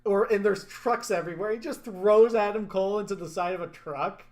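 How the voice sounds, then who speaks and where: Excitable wrestling podcast co-host, man. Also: sits high, fairly quick. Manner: excitable, laughs often, leads segments. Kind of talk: casual chat.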